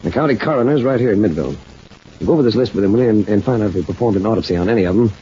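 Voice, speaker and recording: A hard-boiled private eye in an old radio drama, played by a male actor, stern and skeptical as an inspector. His voice is low and mellow, dryly wry, on a dull, noisy vintage recording. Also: animated, racing, lightly acted. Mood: brisk, commanding. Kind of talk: old-time radio detective drama with first-person narration.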